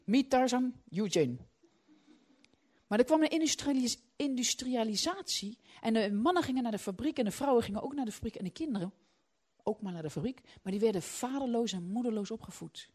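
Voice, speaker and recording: A middle-aged woman preaching a sermon, emphatic, swinging between loud outbursts and hushed, halting stretches. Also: a little high, animated.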